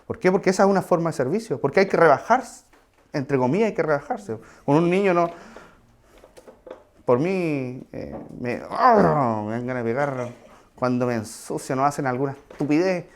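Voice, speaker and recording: A man's voice: fairly high pitch, animated, normal speed. A man preaching a sermon in a conversational way, with asides and questions to the congregation.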